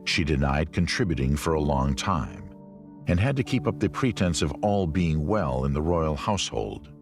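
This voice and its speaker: Male narrator, very deep voice, deliberate read, faint music. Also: expressive. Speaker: documentary narrator. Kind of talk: scripted narration.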